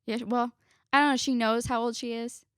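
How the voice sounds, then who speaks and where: A woman's voice: on the high side, fairly even intonation, normal speed, smooth, no room sound, clean studio sound. A woman in her twenties, a guest on a family podcast, chatting casually and laughing often, sometimes backtracking mid-sentence. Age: 20s.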